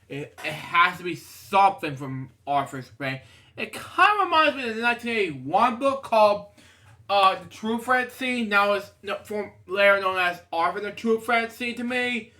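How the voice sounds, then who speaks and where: A man with a notably high, bright, forward voice, a storybook reader and show host, reads a children's picture book in a casual, unpolished way. He drifts from the text into rambling, digressive side comments, often breaking off to remark on things.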